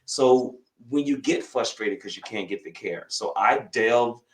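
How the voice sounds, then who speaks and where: A man's voice: medium pitch, a little slow, roomy sound, low-quality recording. A man in his fifties from Louisiana with a Southern accent, a physician talking as a guest in a casual interview, folksy and rambling, often repeating himself. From Louisiana, USA. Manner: folksy, rambling, with frequent repetitions.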